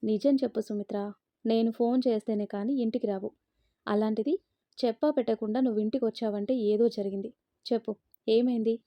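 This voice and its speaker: A woman's voice: fairly high pitch, steady tone, brisk, mellow, no room sound, natural voice. Woman reading as a stern scolding mother. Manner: harsh, lecturing.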